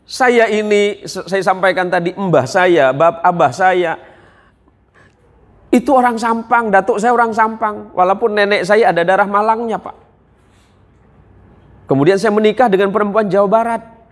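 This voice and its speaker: In a large hall at a police headquarters, a male Islamic preacher gives a humorous religious lecture, bantering and joking with the gathering. His voice is high-pitched, and he speaks at a moderate pace with long pauses.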